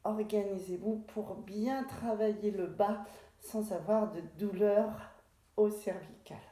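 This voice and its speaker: Slow, calm woman guiding Pilates. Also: mid-range voice. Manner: calm, unhurried cueing with breathing prompts. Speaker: Pilates instructor. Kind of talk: guided exercise class instruction. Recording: very echoey room.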